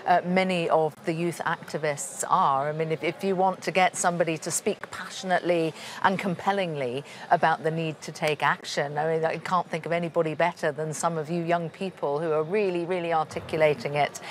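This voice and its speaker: A man presents a live television news segment, interviewing a guest in a relaxed, conversational manner. He leans on tag questions and trips over repeated words now and then. A faint background hum runs underneath. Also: on the high side.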